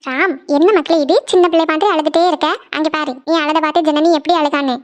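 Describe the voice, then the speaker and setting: An actor voicing a loving middle-aged mother in an animated family cartoon, speaking with a soothing, tender manner. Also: high-pitched, fast talker, close to an everyday voice. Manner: tender, soothing, calls them "makkale".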